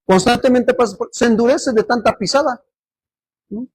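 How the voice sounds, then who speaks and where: A man's voice: very high-pitched, normal speed, a little mellow, slightly rough, no room sound. A man preaching a sermon as pastor, often putting questions to the congregation for them to answer. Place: church service.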